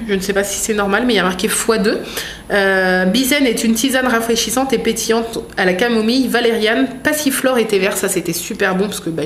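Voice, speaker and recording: A woman vlogger chatting casually as she unboxes products, reading labels aloud with many fillers. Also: on the high side. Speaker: vlogger unboxing a food box. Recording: echoey room with faint noise.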